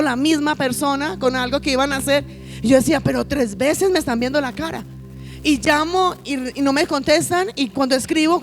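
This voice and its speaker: A woman pastor with a high voice preaches a sermon, pressing each point by repeating her phrases and calling the congregation her children. Faint music plays behind her. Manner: emphatic, repeats phrases, addresses listeners as children.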